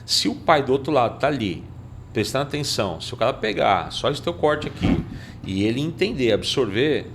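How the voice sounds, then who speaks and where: Man, mid-pitched, fast-talking, earnest podcast commentator. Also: animated, slight background noise. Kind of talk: casual podcast conversation.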